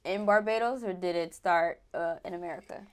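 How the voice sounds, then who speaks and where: A woman's voice: on the low side, fairly quick, smooth. A woman hosting an interview in an easy, conversational manner. She asks questions casually and reacts in a friendly, everyday tone. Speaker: host.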